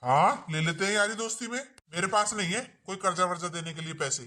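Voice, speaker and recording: A woman's voice: lowish voice, quick pace, sharp tone, slight background noise. A woman playing a stingy old father-in-law. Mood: grumbling. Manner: grumbling, lecturing. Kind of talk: family drama skit.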